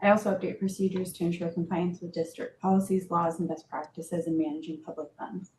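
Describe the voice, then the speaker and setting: A woman's voice: fairly low pitch, flat delivery, brisk, a little mellow. A woman working as a meeting clerk, speaking procedurally and reading documents aloud, in a roomy recording with faint noise. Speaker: meeting clerk or staff member.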